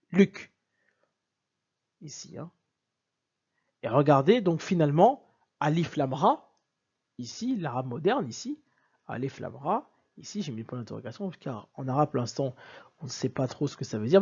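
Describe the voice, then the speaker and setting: A man's voice: mid-range voice, slightly rough, muffled recording. A man giving an emphatic explanatory lecture over slides, repeating himself and urging the listener to look. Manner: emphatic, repeats "regardez" and "bien sûr". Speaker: video lecturer on word origins.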